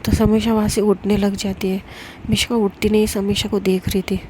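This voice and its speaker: Brief: woman storyteller, casual narration, monotone delivery, noisy take with clicks. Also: mid-range voice, fairly quick. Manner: plain, conversational retelling. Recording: noisy home recording with clicks.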